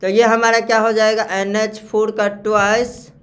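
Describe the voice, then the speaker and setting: Male chemistry teacher, slow and repetitive. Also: high-pitched, little pitch movement. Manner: repeats key terms slowly, checks understanding with questions. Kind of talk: classroom lecture on naming salts.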